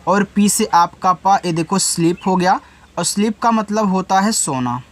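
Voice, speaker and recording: A man's voice: high-pitched, measured pace, fairly bright tone. A man teaching beginners to read, patiently spelling words out letter by letter and speaking directly to the student. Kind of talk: spelling and reading lesson for beginners.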